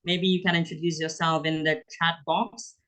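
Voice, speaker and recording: A young man, a student intern, moderating a virtual panel with formal, halting introductions. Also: fairly high pitch, level tone, pushed and bright, rough recording. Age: young adult.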